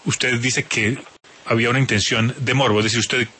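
A man's voice: mid-range voice, fairly even intonation, fairly quick, bright, forceful tone, breathy edge. A man interviewing a guest on the radio, pressing her with pointed questions and sometimes stumbling over his words.

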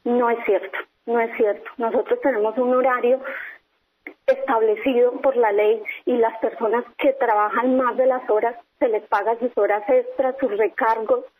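A woman speaks firmly over a telephone line, pressing the same points again and again. Her voice sits a little high, and the sound is thin and tinny like a phone call. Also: moderate pace. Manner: firm, insistent, repeats her points. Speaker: company employee interviewed by phone. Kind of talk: phone interview.

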